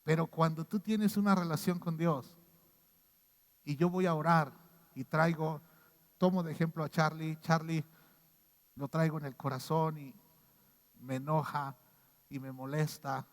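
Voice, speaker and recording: Man, pastor preaching, slow deliberate delivery, fairly high voice, long echo of a church hall. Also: fairly even intonation. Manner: acts out quoted voices, swings from loud to hushed. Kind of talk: sermon.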